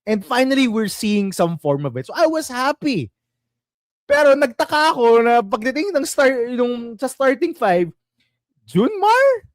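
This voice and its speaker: A young Filipino man hosting a casual basketball chat, mixing English and Tagalog, animated and quick to laugh. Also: very high-pitched, no echo, studio quality. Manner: animated, switches languages mid-sentence, laughs often. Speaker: basketball podcast host.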